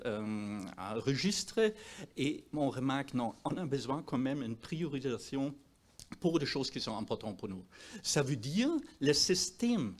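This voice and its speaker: A man with a foreign accent, a non-native speaker of French, giving a presentation as a doctor, emphatic and sometimes halting as he searches for words. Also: medium pitch. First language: not French. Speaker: doctor presenting at a health conference. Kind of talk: presentation to an audience.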